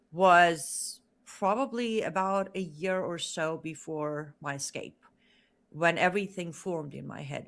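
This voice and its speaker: A Farsi-speaking woman with a lowish, fairly bright voice gives interview testimony as a guest recounting her own story. She speaks earnestly and emphatically, repeating words for stress.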